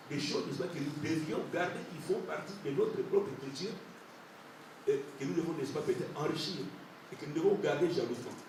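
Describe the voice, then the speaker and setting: A man from Africa making halting debate remarks at a conference, often adding tag questions as he talks. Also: on the high side. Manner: halting, frequent "n'est-ce pas" tags. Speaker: debate participant. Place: conference hall. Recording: echoey hall, distant mic, noisy.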